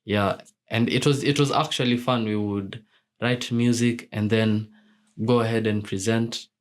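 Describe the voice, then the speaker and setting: Young man, flat hesitant delivery. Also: lowish voice, unhurried. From Kenya. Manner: hesitant, many restarts and fillers. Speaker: musician guest. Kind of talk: radio interview answers.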